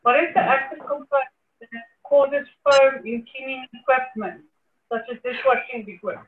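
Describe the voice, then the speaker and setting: A woman's voice: high voice, normal speed, reverberant, narrow, tinny audio. A woman hosting a quiz, asking short questions and repeating them over a video call whose audio keeps breaking up. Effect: choppy video-call audio breaking up. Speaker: quiz host. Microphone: computer mic on a video call.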